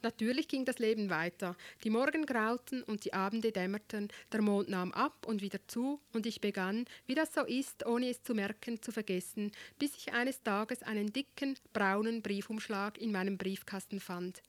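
A woman reading a first-person story aloud in a wry, expressive storytelling manner, recorded on a close mic. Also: mid-range voice, moderate pace, few pauses, dry recording. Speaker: audiobook narrator.

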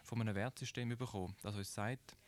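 A man with a Swiss German accent presenting a scripted radio commentary, measured and explanatory, posing rhetorical questions. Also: fairly low pitch, fairly even intonation.

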